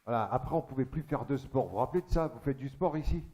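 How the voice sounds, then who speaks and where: A man's voice: medium pitch, quick pace, dark tone. A man doing a stand-up comedy monologue on a theatre stage, chatty and crude, teasing the audience.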